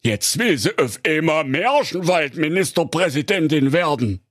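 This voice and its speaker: A man's voice: on the high side, expressive, moderate pace, fairly bright tone, dry recording, studio quality, pitched above the performer's own voice. A man doing a weary, henpecked digger driver. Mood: placating. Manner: weary, grumbling, placating. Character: good-natured, henpecked male digger driver.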